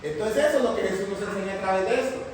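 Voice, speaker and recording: High-voiced man teaching a Bible class. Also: very fast. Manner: lively, asks the class questions. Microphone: far from the mic. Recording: echoey hall from far off, faint noise.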